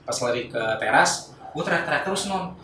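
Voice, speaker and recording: Man, podcast guest, casual animated storytelling, acts out shouts, slightly high voice, roomy distant mic, faint background noise. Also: brisk. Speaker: guest telling a ghost story.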